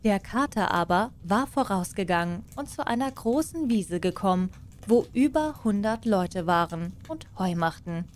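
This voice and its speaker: A woman calmly reading a fairy tale aloud as an audiobook storyteller. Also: mid-range voice. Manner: calm, measured, unhurried.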